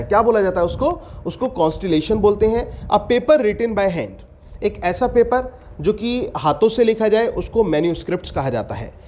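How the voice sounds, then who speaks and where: A man, teaching an exam-prep vocabulary class. He reads each definition slowly, explains it, and repeats the answer as a question to his students. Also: sits high, a little mellow, slight background noise. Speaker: English teacher.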